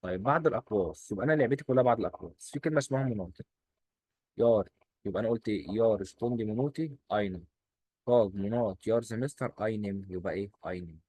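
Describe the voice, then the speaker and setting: A man with an Egyptian Arabic accent teaching a German exam-prep lesson, quizzing and answering his own questions in quick drills. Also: on the low side, dark tone, no room sound. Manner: coaxing, repeats rules in quick drills.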